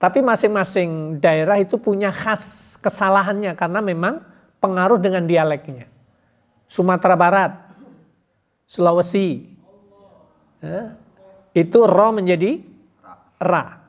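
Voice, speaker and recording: Man, mosque lesson, high voice, unhurried, repeating sounds, counting in the class. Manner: demonstrates letter sounds slowly and repeats drills; counts the class in before group repetition. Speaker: Quran recitation teacher. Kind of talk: tajwid pronunciation lesson in a mosque study circle. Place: mosque hall.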